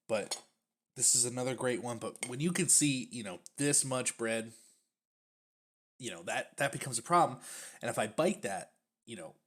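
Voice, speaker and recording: A man with a mid-range, fairly bright voice casually reviews snacks on his stream, with slight background noise in the clip. He chats on with many fillers and sometimes talks while his mouth is full.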